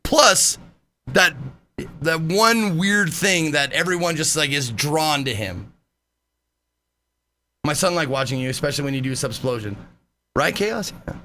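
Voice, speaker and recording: A man streaming live, chatting casually in a loud, animated way and swearing freely. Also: fairly high pitch, unhurried, pauses often, a little hiss or hum.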